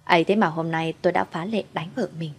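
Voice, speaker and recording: Woman narrator, dramatic storytelling, low-pitched, first-person audio story. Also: fairly even intonation, quick pace, slightly rough. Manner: dramatic, voices the husband as narrator.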